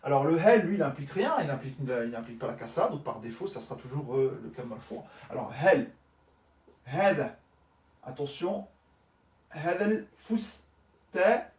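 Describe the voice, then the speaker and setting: A man's voice: mid-range voice, lively intonation, fast talker, few pauses, darkish tone, recorded from a distance. A man teaching Arabic grammar in French, correcting exercises step by step, with many fillers and frequent checks for understanding. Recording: echoey room, voice somewhat off-mic.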